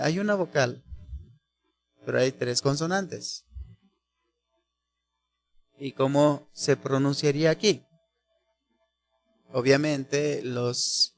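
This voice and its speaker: Male preacher, mid-pitched, unhurried sermon delivery with drawn-out emphasis and rhetorical questions. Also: gravelly. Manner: slow, deliberate teaching with rhetorical questions; stretches key phrases slowly for emphasis. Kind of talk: sermon teaching.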